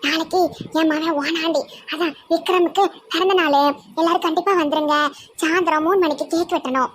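High-voiced Tirunelveli woman, gossipy. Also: steady tone, fairly quick, slight background noise. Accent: Tirunelveli Tamil. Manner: scolding, gossipy village talk. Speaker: comedy sketch performer. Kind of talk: slang comedy skit, many roles.

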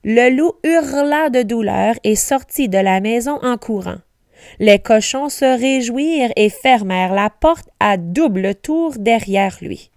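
A woman teacher reading a storybook aloud slowly, carefully pronouncing each word for learners. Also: fairly high pitch, animated, a little mellow, no room sound, clean studio sound.

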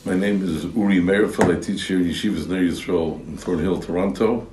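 A man's voice: low voice, steady tone, fairly quick, recorded from a distance. An older man giving an earnest spoken testimonial in a study. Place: book-lined study. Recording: echoey room, off-mic, faint music.

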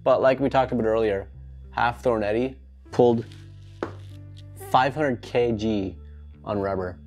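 The host of a home gym DIY channel, a man in his thirties, talks to camera in his indoor garage gym. His mid-range voice is unhurried and a little mellow as he gives casual instructions spiced with jokey asides, over background music.

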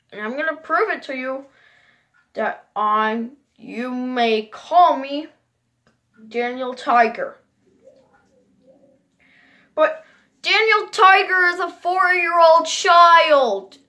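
Comedic vlog character: a woman doing a jealous eleven-year-old boy, very high, bright voice, rambling and quick to rage. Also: heavily acted.

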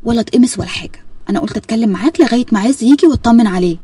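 A woman's voice: on the high side, very fast, mellow, breathy edge, no echo. A woman voicing a pleading older Egyptian mother. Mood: teasing. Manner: coaxing, pleading.

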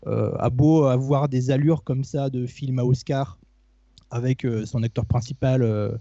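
A man with a dark, mellow voice talks through a point at length, pausing often to find words. The sound is dry and slightly muffled, like a call picked up on a computer. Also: mid-range voice, steady tone, dry recording. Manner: rambling, hesitant. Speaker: film critic guest. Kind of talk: casual film podcast chat.

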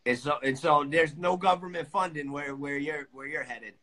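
A man's voice: fairly high pitch, moderate pace, pushed and bright, low-quality recording. A man joining a live stream as co-host, chatting in a loose, slangy, agreeable way over a video call. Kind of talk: casual live chat. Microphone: video call guest.

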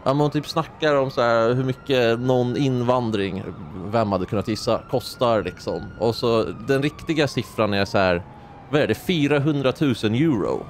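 A man in his twenties giving casual, excitable gameplay commentary as host of a gaming channel, joking and rambling as he plays. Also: mid-range voice, a little hiss or hum.

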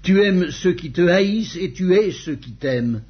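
Man reading as stern commander, firm, reproachful, husky, scripture reading. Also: sits high, lively intonation, unhurried, highs cut off, exaggerated voice. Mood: rebuking. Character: stern army commander, blunt and rebuking.

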